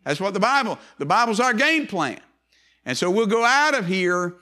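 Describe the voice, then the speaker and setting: An older male pastor preaching to his church in a high, bright, ringing voice. He repeats key phrases and stretches out the words he stresses. His delivery is earnest and emphatic. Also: sing-song, moderate pace. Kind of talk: sermon.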